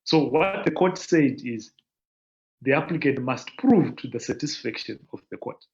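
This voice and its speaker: Male law panelist, gravelly, measured explainer; lo-fi video call audio. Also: medium pitch, expressive. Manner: measured, explanatory lecturing with pauses. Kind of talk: online panel presentation.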